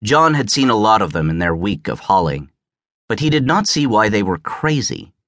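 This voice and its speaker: A man narrating an audiobook as scripted narration, measured and even, on a close studio mic. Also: on the low side, no room sound.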